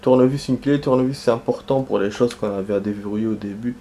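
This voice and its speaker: A man's voice: medium pitch, fast talker, dark tone, a little hiss or hum. A man giving casual let's-play commentary, rambling and hesitant, with lots of fillers and restarts. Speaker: gaming commentator.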